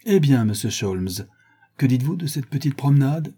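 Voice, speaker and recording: A man voicing an unruffled gentleman thief who speaks with ironic, unhurried calm. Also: mid-range voice, slightly rough, voice pushed up. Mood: mocking.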